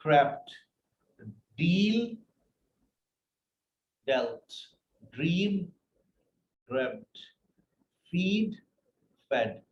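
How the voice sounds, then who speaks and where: This online English teacher has a slightly high, somewhat mellow voice, and he works patiently through word lists while addressing his students as "beta". He's heard on a computer mic in a live video lesson, the sound roomy and dull with a bit of background noise.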